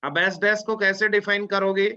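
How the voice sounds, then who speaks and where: A man teaching an online class, drawling out formulas slowly and often checking that his students follow. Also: high-pitched, steady tone, bright, forceful tone. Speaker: lecturer. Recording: dull lo-fi lecture audio.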